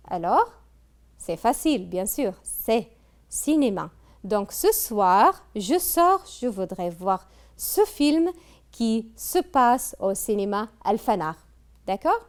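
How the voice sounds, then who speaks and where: Slow, lively-voiced woman teaching French grammar. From Kuwait. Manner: slow, drawn-out teacher talk with lively pitch, prompting students. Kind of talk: classroom grammar lesson.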